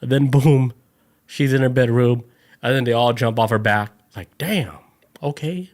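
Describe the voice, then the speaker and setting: A man co-hosting a casual podcast, spinning a story loosely and dropping "like" between every phrase. His voice sits at an ordinary middle pitch, and he slips into quick put-on voices for the people in his tale. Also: fairly even intonation, darkish tone. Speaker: podcast co-host. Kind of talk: casual chat.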